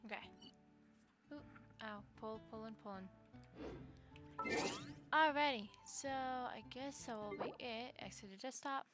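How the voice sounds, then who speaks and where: A woman with a rather high voice speaks a little slowly and pauses often, with music behind her. Chatting casually on a live game stream, she rambles and corrects herself as she talks to her chat.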